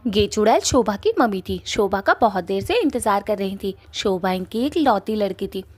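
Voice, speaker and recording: A woman's voice: mid-range voice, lively intonation, moderate pace, no room sound. A woman narrating a cartoon story in a plain, matter-of-fact way.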